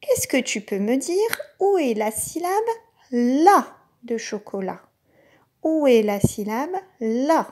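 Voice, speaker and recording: A woman teacher giving a recorded lesson to young children, speaking patiently and sounding out each syllable clearly. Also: on the high side, animated, takes it slowly, a little mellow. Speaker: kindergarten teacher.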